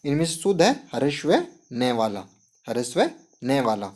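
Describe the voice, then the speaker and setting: A man's voice: medium pitch, animated, measured pace, a little mellow. A man teaching a Sanskrit lesson, explaining step by step and asking and answering his own questions. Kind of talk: classroom lesson.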